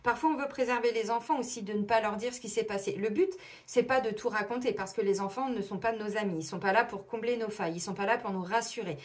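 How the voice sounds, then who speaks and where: A middle-aged woman doing a casual oracle card reading, chatty and animated, acting out little imagined dialogues. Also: mid-range voice, fast talker, hardly any pauses. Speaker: tarot and oracle card reader.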